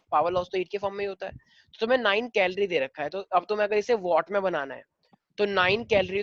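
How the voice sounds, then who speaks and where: A man's voice: high-pitched, fairly bright tone, dry recording, dull audio. Hindi-teacher man quizzing his class. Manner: mixes Hindi and English, drills students with questions. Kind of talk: online class problem-solving.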